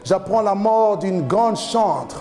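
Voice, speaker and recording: A man in his forties preaching an impassioned sermon from a church stage into a handheld mic, often shouting in a chanting cadence. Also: high voice, lively intonation, slow, faint music behind. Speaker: pastor. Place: large church hall with a stage, indoors.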